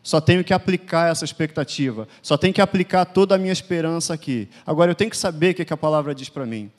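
A man's voice: a little high, quick pace. A man with a Brazilian Portuguese accent preaching a sermon, stressing his points with emphatic, repeated declarations. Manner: emphatic, repetitive declarations that swell louder.

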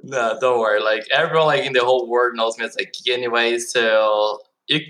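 A man's voice: mid-range voice, steady tone, a little fast, a bit bright, rough recording. A man from Brazil, a guest on an interview podcast, answering casually. He sounds upbeat and leans heavily on "like" and "uh" as fillers. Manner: upbeat, heavy use of "like" and "uh" fillers. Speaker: guest, esports marketing executive.

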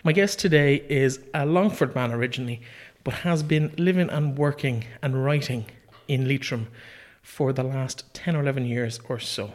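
A man's voice: mid-range voice, normal speed, hardly any pauses. A man with an Irish accent hosting a conversational podcast interview, introducing and questioning a guest.

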